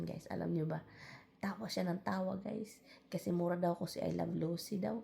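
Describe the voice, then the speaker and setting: A woman's voice: lowish voice, vocal fry, dark tone. A Filipino woman vlogger chatting casually to her viewers, calling them guys and slipping into English. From Philippines. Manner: laughs while telling a story.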